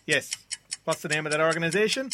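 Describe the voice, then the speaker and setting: An Irish man with a bright, forceful, fairly high voice hosts a quiz. He reads out questions and banters with the teams. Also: fast talker, a little hiss or hum. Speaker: quiz host.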